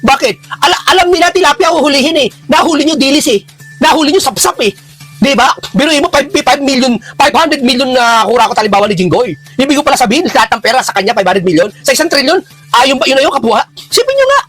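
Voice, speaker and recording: A man giving heated political reaction commentary, firing rhetorical questions and rising into shouts. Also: extremely high pitch, lively intonation, quick pace, faint music behind.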